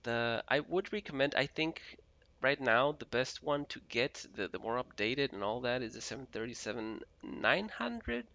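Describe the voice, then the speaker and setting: Gravelly, bright-voiced man from Mexico streaming. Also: mid-range voice, lively intonation, normal speed, highs cut off. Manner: chatty, reads viewer messages aloud, laughs often. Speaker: flight sim streamer. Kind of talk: casual live-stream commentary reading chat.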